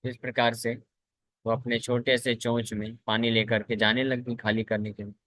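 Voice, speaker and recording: A man giving a scripture lecture, reading English passages very slowly and then explaining them in Hindi, repeating key phrases as he goes. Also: mid-range voice, little pitch movement, a bit bright, dry recording, poor audio. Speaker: spiritual teacher.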